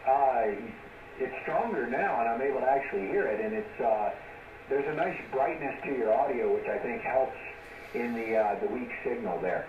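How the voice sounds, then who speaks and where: A man's voice: mid-range voice, animated, moderate pace. A man running an amateur radio net as net control, talking easygoing and chatty with many fillers, heard through a ham radio receiver with static. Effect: heard over a ham radio receiver with static. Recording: distant, muffled radio with loud static and echo.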